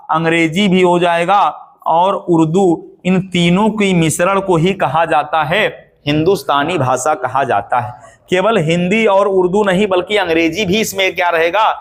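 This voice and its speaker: A man teaching an exam-prep lesson, asking questions and repeating the answers to drill them in. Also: high voice.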